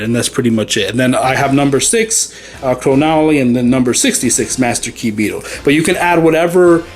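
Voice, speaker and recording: A man talks casually through his card deck in a loose, rambling way, full of uhs and restarts. He sounds a little short of breath. Soft music plays faintly behind him. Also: medium pitch. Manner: rambling, easygoing, many fillers. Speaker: card game channel host.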